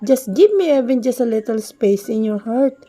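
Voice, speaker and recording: A woman's voice: a little high, a little slow, warm tone. A woman voicing a lovesick young woman who pleads emotionally with the man she loves. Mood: pleading.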